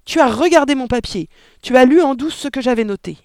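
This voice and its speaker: A man's voice: high-pitched, very animated, moderate pace, creaky, no echo, exaggerated voice. A man voicing a boastful, bullying middle-aged father in an audiobook story. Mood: furious shouting. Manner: bragging, then shouting in anger.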